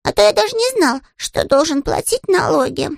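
A man's voice: extremely high pitch, huge pitch swings, normal speed, gravelly, no echo, studio quality, voice pushed up, full character voice. A man voicing a naive, polite young male bear in an audiobook, earnest and innocent in manner. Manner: earnest, innocent, matter-of-fact. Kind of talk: audiobook character voice.

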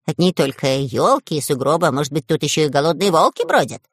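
A woman's voice: sits low, big pitch swings, fast, slightly rough, dry recording, studio quality, exaggerated voice. A woman voicing a cowardly, whiny male spy who squeals and complains in a storybook. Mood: scared. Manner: whiny, easily frightened.

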